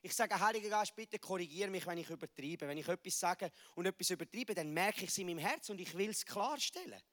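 A young man preaching with a Swiss German accent. His voice sits high and rings bright and forceful. He delivers the sermon emphatically, swinging from loud, urgent peaks down to quiet asides. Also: quick pace. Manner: lively, emphatic preaching with sudden loud rises and quiet drops.

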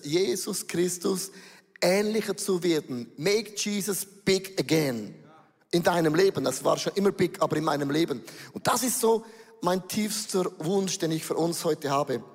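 A man preaching a lively sermon as pastor, dropping English phrases into his German. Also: high voice, long reverb tail.

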